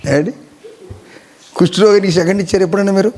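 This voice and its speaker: A man's voice: high voice, steady tone, quick pace, darkish tone. A male pastor preaching a Sunday sermon, calling out for hallelujahs and firing questions at his listeners. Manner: calls out for hallelujahs and amens; fires rhetorical questions at the listeners.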